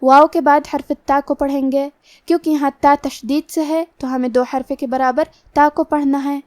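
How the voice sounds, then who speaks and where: A woman with a high voice teaches Quran recitation, explaining each rule methodically, word by word. The sound is dry and close, with no room echo. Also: steady tone, darkish tone. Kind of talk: tajweed lesson.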